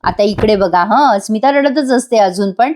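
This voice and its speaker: A woman's voice: medium pitch, moderate pace, darkish tone. A woman giving a chatty voice-over review of a TV serial, talking straight to viewers and laughing often.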